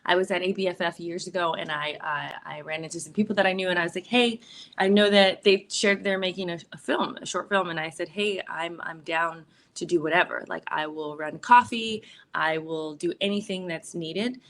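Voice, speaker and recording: A woman's voice: lowish voice, normal speed, a bit bright. A woman from the Bay Area, an actress and filmmaker, chatting casually as an interview guest with lots of fillers and likes. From San Francisco Bay Area, US.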